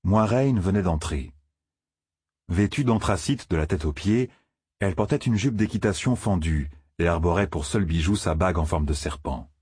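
A man reading a fantasy novel aloud in steady scripted narration. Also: low-pitched, moderate pace, slightly rough, dry recording, studio quality. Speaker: audiobook narrator.

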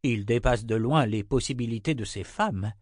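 A man's voice: medium pitch, normal speed, dry recording, studio quality, lightly acted. A man reading a fantasy audiobook voices an old male sorcerer who speaks with wry, knowing asides. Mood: puzzled.

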